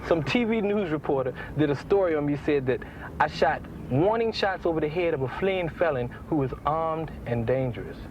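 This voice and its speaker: A man's voice: on the high side, expressive, moderate pace, close to an everyday voice. An actor playing a boastful male ex-cop who tells a story with swagger, from a film soundtrack. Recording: dull film soundtrack with background noise.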